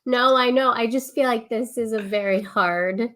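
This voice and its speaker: A woman's voice: a little high, normal speed, a bit bright. A woman co-hosting a podcast with a nasal, stuffy voice from a cold, chatting casually and poking fun at herself. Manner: laughing, self-deprecating. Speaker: podcast co-host.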